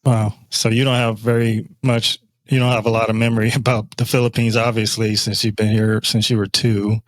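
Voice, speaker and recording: A male host leads a sincere, reflective interview and speaks in a steady, level voice with little rise and fall. The recording is close and dry, with almost no room sound. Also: on the low side, fairly quick, no echo. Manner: earnest, reflective, sincere questioning. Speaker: podcast host, veteran. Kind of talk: interview conversation.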